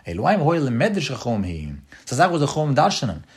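Fast husky male Talmud teacher. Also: medium pitch, sing-song, darkish tone. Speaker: religious text teacher. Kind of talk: rapid Talmud study lecture.

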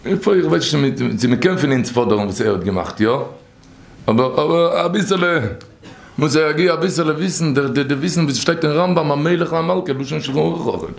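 Gravelly-voiced man telling religious stories. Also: fairly high pitch, a little fast. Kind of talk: informal storytelling talk. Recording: echoey room.

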